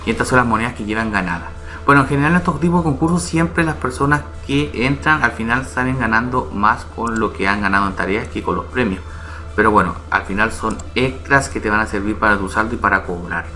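In a casual screen-recorded tutorial, a YouTube host walks viewers through a website step by step, often checking in with "¿ya?" and "¿vale?". His voice is on the low side, bright and forceful.

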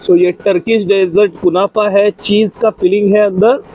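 Indian guy food vlogging, eager, higher voice, lapel mic outdoors at a restaurant. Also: fairly even intonation, moderate pace, over music. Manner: enthusiastic, mixes Hindi and English. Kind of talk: casual food vlog commentary. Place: open-air rooftop restaurant.

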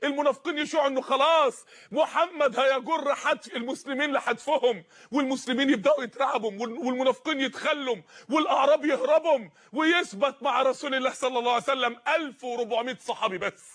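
A man with an Egyptian Arabic accent preaching an impassioned sermon, repeating phrases and at times shouting. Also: very high-pitched, fast talker.

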